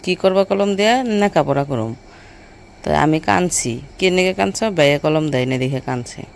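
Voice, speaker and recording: A woman, narrating a casual family vlog and gently coaxing a small child to write. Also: low-pitched, expressive, moderate pace, vocal fry, slight background noise. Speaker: village vlogger. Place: village home, outdoors.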